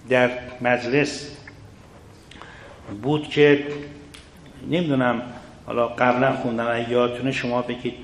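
Earnest male teacher in an echoey room. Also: medium pitch. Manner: earnest, rhetorical questions, addresses listeners directly. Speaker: seminary teacher. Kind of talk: religious lecture to students. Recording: echoey room, faint background noise.

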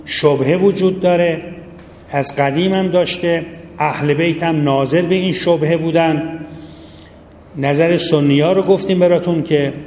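In a hall full of long, echoing reverb and faint ambient sound, a middle-aged man leads a seminary class on jurisprudence. He talks casually and addresses his students directly, in a fairly high, steady, darkish voice.

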